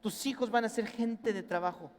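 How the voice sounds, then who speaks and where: A middle-aged man with a Mexican accent preaching a sermon as pastor, animated and acting out family members in quoted voices. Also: sits high, moderate pace. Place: church hall. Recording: long reverb in a church hall.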